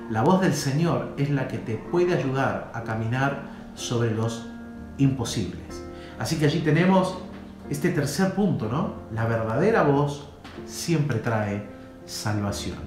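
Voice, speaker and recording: A man preaching a sermon in a church hall, with emphatic swells and drops. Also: a little high. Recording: echoey hall with faint guitar.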